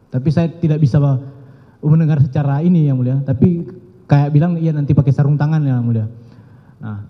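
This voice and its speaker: A man testifying as a witness in court, speaking haltingly and deferentially, often addressing the judge. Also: a little high, big-room sound, phone-quality sound.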